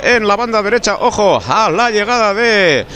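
High-pitched Spanish man calling live football. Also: lively intonation, normal speed, bright, forceful tone. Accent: Spanish from Spain. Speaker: football match commentator. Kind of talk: live play-by-play sports commentary. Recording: outdoor stadium with crowd noise. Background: crowd and outdoor ambience.

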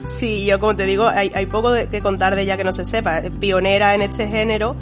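A woman with a Spain accent talks as a radio book columnist. Her mid-pitched voice is congested with a cold, and she explains in a casual, chatty style. Music plays behind her. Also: fairly even intonation, a little fast.

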